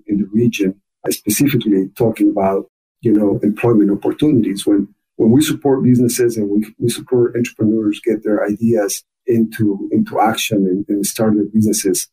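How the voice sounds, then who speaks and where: Speaking with a thick Ecuadorian Spanish accent, this native Spanish-speaking man from Ecuador appears as a podcast guest in his role as a chamber of commerce officer. He talks earnestly in a lowish, dark, husky voice, frequently restarting and repeating words. The audio is poor.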